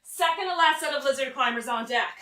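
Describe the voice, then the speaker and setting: A woman working as an aerobics instructor, energetically cueing moves and encouraging people while breathy from exertion. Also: high voice, pushed and bright. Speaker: aerobics instructor leading a home HIIT workout. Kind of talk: upbeat workout coaching, cueing moves and counting down. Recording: echoey room, distant from the mic.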